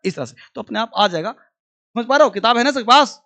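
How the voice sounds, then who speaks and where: A man's voice: very high voice, animated, fairly quick, vocal fry, pushed and bright. A man teaching English spelling in a demo class, drilling sounds by repeating words and quizzing his students, calling them child. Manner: addresses students fondly as child.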